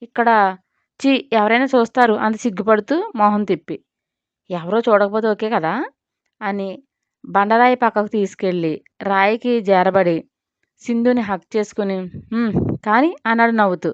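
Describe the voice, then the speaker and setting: A woman's voice: mid-range voice, moderate pace, long pauses, smooth, no echo, muffled recording. A woman reading a scripted audio story aloud and voicing every character herself. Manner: reads all characters in a mostly even voice.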